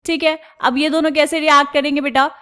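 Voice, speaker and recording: Lady teacher walking thru chemistry structures, high voice, keeps asking then answering herself. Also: flat delivery, fairly bright tone. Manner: asks the class questions and answers them herself, calls students "beta"; slows down and stretches out technical terms. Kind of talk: explaining step by step on a board.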